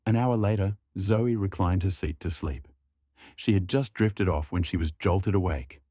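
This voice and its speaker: Casting: male storyteller, low voice, dry close recording, measured delivery. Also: mellow, no echo. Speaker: narrator. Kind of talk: scripted story narration.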